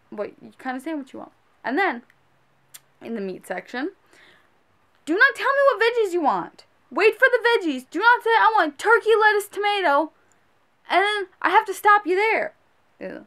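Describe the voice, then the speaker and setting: Playing a fed-up sandwich shop worker, a woman with a high, sharp-toned voice scolds viewers head-on about people's behavior. The rant is casual and exasperated, delivered emphatically in a sing-song way at a moderate pace.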